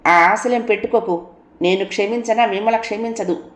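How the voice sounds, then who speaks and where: A woman's voice: mid-range voice, moderate pace, roomy sound, pitched above the performer's own voice, natural voice. Woman voicing a blunt, scolding elder brother. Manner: scolding, reproachful.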